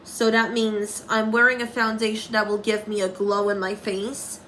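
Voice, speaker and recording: A woman's voice: mid-range voice, level tone, moderate pace, a bit bright, slight background noise, low-quality recording. A young woman talking through a casual makeup tutorial, rambling and commenting on herself, with dry sarcastic asides.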